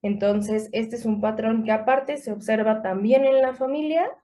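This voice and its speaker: A woman explaining a clinical case in a measured way, with frequent fillers. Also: a little high, warm tone. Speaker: psychotherapist guest.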